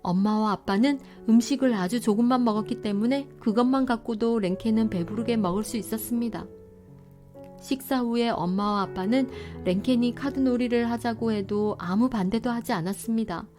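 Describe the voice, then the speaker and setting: A woman reading a children's story aloud in a gentle, measured storyteller's manner. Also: fairly high pitch, faint music behind.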